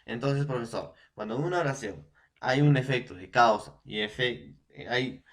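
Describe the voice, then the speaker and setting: A male teacher with a Peruvian accent explains a grammar point to his students at an ordinary, middle pitch. He talks in a repetitive, patient way, often pausing to ask whether they are following. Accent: Peruvian Spanish. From Peru. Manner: repetitive, often checks in with "¿no?" and "entonces"; addresses students directly as "jóvenes". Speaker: language teacher. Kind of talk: recorded classroom lesson.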